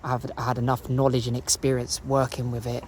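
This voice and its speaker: A man with an Essex accent casually talking through motorcycle maintenance outdoors, relaxed and rambling with fillers and self-corrections. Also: mid-range voice, a little fast, a little hiss or hum. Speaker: motorcycle vlogger. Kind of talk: casual how-to narration. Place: outdoors beside a parked motorcycle.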